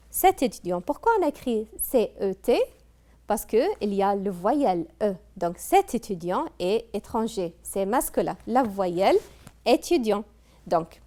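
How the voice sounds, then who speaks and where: A woman leads a French grammar lesson at an unhurried, drawn-out pace. Her pitch rises and falls widely as she asks the class questions. She praises their answers as she goes. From Kuwait. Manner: slow, drawn-out teacher talk with lively pitch, prompting students. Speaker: French teacher.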